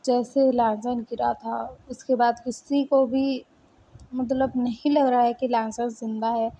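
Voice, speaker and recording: A woman's voice: on the high side, little pitch movement, takes it slowly, warm tone. A woman retelling a story in a casual, conversational way, full of small fillers. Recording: dull lo-fi recording.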